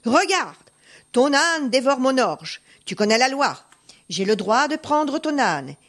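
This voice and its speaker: A woman voicing a greedy, bullying male farmer who shouts and threatens. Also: mid-range voice, a little fast, close to an everyday voice. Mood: angry. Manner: shouting, scolding.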